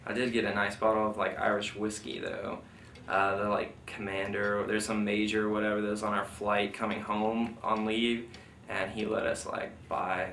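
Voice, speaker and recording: Interviewed about his service, a veteran speaks at a moderate pace in a fairly low, slightly bright voice with little pitch movement. His recollections drift informally, peppered with "like" and "you know." Faint noise and a distant mic give a roomy sound.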